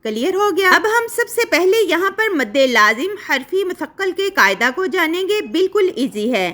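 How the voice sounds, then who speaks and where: A woman's voice: sits high, pushed and bright. A young woman teaching a recitation class, explaining step by step and asking questions she then answers herself.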